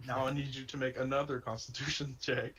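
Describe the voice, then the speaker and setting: A man narrates as game master of a tabletop game. His voice is husky and breathy at a medium pitch. He talks casually and wryly and laughs easily. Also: level tone, a little fast, a bit bright. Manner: laughing often, casual and wry. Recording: streamed game session.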